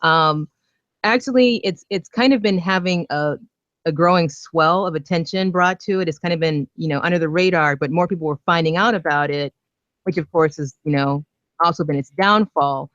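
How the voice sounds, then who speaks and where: A woman's voice: sits low, moderate pace, fairly bright tone, no echo, lo-fi sound. A woman from Northern Virginia calling in as a guest, explaining a topic earnestly with plenty of fillers. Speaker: guest caller, activist. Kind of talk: phone-in interview.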